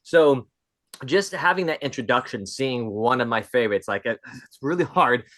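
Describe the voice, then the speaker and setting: A man chatting as a livestream guest, telling stories in an excitable, animated way. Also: medium pitch, normal speed, no room sound, studio quality. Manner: excitable, animated storytelling with big swings. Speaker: podcast guest. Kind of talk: casual livestream chat.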